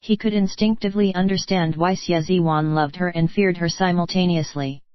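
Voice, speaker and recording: A woman's text-to-speech voice narrating a translated novel in a flat, even manner, with odd slips in the reading. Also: on the low side, normal speed, dry recording, dull audio.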